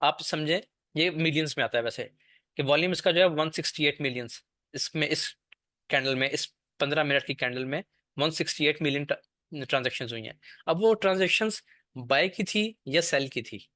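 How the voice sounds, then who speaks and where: A man's voice: fairly high pitch, a little fast, sharp tone, no echo, clean studio sound. Man teaching trading in speech. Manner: explanatory, checks in with "ठीक है?" often. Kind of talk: screen-share lesson.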